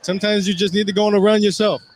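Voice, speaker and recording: A man's voice: high-pitched, little pitch movement, very fast, noisy background. A man giving local radio color commentary at a basketball game, talking loosely with lots of "you know" fillers. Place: basketball gym, courtside.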